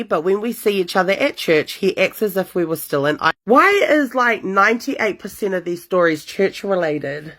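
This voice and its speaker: A young woman, reading listener confessions aloud as host and reacting with sassy asides. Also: lowish voice. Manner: animated, sassy asides between read stories. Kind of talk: casual storytime reading with reactions.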